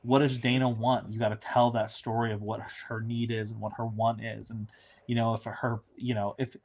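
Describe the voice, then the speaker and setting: A man's voice: medium pitch, level tone, moderate pace, darkish tone. A man, a showrunner, chatting casually in an interview, rambling with frequent restarts and fillers.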